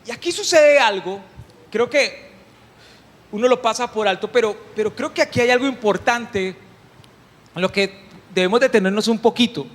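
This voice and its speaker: A man preaching a sermon, animated and humorous, often putting questions to the congregation. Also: very high-pitched, normal speed, long pauses. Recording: long hall reverb.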